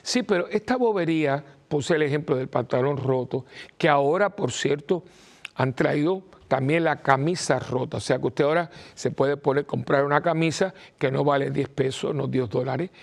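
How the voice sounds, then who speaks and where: Male priest, animated storyteller, gravelly, slightly raised pitch. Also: normal speed. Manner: animated storyteller, rhetorical questions, sound words. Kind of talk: conversational talk-show monologue.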